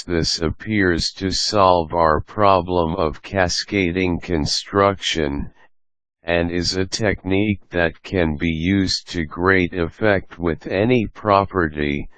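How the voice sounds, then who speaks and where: A man with a very deep voice reads a technical article as scripted narration. He keeps an unhurried, measured pace and a formal, even delivery. The sound is dry and close, with no room around it. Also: no echo. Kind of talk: scripted reading of a programming article.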